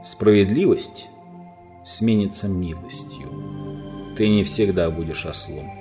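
A man voicing a huge, calm, majestic lion in a storybook reading, speaking slowly and solemnly. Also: over music. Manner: slow, low, solemn.

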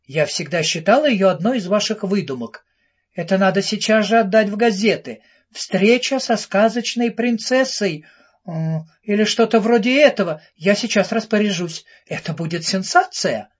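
A man's voice: sits high, lively intonation, normal speed, husky, muffled recording, voice pushed up. A man voicing an effusive female publicist hungry for sensation, in an audiobook. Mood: gushing. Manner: effusive, showy.

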